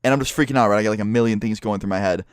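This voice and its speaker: A man's voice: on the low side, racing, clean tone, no room sound, studio quality. A man telling a story in a casual, rambling way, swearing freely as a vlogger. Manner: profane, rambling, animated.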